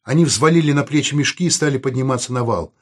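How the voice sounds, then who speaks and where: A man narrating an audiobook in a steady, even storytelling manner, with a husky voice. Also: mid-range voice, fast.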